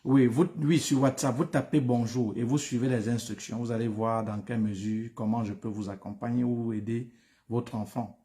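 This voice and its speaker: A man's voice: mid-range voice, steady tone, moderate pace, dark tone. A tired man, advising viewers on studying abroad in a live stream. He speaks familiarly, calls viewers by name and repeats himself.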